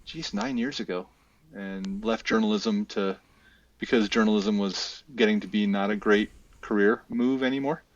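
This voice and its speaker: A man's voice: lowish voice, normal speed, far from the mic, lo-fi sound. A man, a podcast guest, telling rambling, easygoing stories in casual chat.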